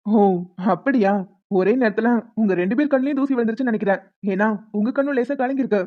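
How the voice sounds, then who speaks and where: Woman doing a young man suitor in a cartoon, fast, frank, dull lo-fi, faint music. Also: fairly high pitch, close to an everyday voice. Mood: confident. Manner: direct, quick, frank. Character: confident young man, smooth-talking suitor. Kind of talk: cartoon voice acting.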